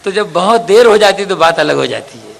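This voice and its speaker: A man's voice: high voice, very animated, brisk, creaky, low-quality recording. A man preaching a sermon in a conversational, humorous storytelling manner.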